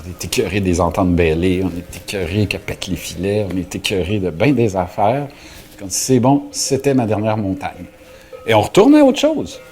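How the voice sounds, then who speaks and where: A man's voice: low-pitched, animated, normal speed, darkish tone. A man with a Québécois accent, a shepherd and writer telling stories casually with many fillers and restarts. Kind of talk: casual storytelling interview.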